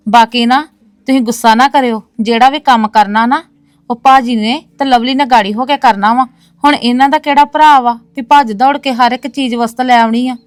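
A woman's voice: on the high side, steady tone, normal speed, no echo, lightly acted. A woman playing an insistent, proud sister. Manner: earnest, insistent, repeating "no, no, sister". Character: woman defending her brother's family, proud. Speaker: actress in a web series. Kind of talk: domestic drama acting.

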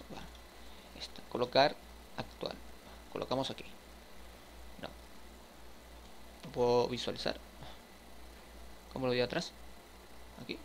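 Guy streaming a game, chats to viewers nonstop, gravelly voice, bit of background hiss. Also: mid-range voice. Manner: chatty, talks to viewers while furnishing a house. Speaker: gaming streamer. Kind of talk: casual gameplay commentary.

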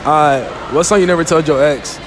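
A man's voice: a little high, steady tone, fairly quick. A teenage man hosting a casual street interview in a shopping mall, teasing and joking with the people he asks. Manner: joking, teasing, laughs often. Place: large indoor shopping mall. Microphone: handheld phone. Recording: noisy mall ambience.

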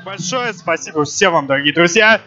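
Forceful male hockey play-by-play commentator. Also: high voice, animated, fairly quick, dull audio, faint music behind.

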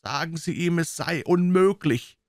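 A faint, wailing recluse speaks slowly from behind a locked door, as a male reader puts him on. His voice sits higher and sounds thin and plaintive. The storybook reading is close and dry. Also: darkish tone, no echo. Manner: slow, lamenting. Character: weak, plaintive hidden man behind a door.

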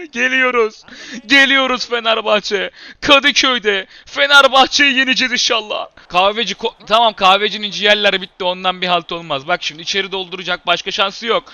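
Excitable high-voiced man gaming. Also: clear, resonant tone. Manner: excitable, shouts at his players, swings to muttering. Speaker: gamer and channel host. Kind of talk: live gameplay commentary.

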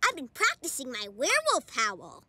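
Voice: high-pitched, wildly swooping pitch, normal speed, heavy background noise. An actor voicing a playful young boy raccoon in a children's cartoon, howling like a werewolf. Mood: playful, eager. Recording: music behind the voice.

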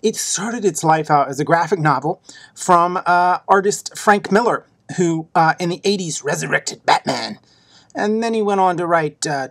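A man's voice: fairly high pitch, a bit bright, dry recording, studio quality. A young man casually reviewing a movie on Blu-ray, swearing and joking and dropping into silly voices. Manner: profane, jokey, slips into silly put-on voices.

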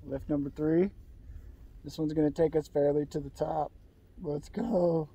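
A young man vlogging outdoors on a ski slope and chairlift, talking excitedly in slangy casual chat into a helmet-mounted camera. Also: fairly high pitch, measured pace, slightly rough. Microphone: helmet-mounted action camera.

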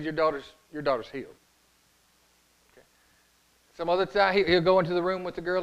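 A man's voice: on the high side, rough recording. A male pastor giving a conversational sermon. He often stops to ask the congregation rhetorical questions, and his speech halts as he repeats words and restarts. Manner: folksy, asks the congregation frequent rhetorical questions.

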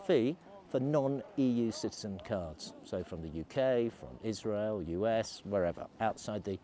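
Out on a snowy ski slope, a middle-aged man holds a selfie camera at arm's length and rambles chattily for his casual skiing vlog. He speaks a little slowly in a lowish, mellow, animated voice, with slight background noise.

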